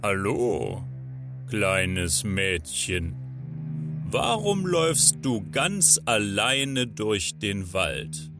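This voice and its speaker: A man voicing a sly, menacing male wolf in a fairy tale, with a deep, slow, drawn-out voice. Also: sing-song, over music, full character voice.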